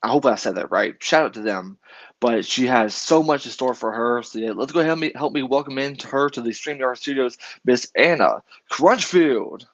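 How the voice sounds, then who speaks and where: A man's voice: mid-range voice, normal speed. Male host, rambling, stumbles a lot, muffled lo-fi sound. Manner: rambling, stumbling over words. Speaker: interview host. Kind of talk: casual interview. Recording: dull lo-fi audio.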